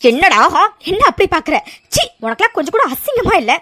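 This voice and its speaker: A fiery young woman student in a cartoon serial, voiced by a woman, scornful and fearless. Her voice sits very high and leaps all over as she tears into someone with sharp, indignant scolding. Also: very animated, fast talker, background noise. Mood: furious scolding.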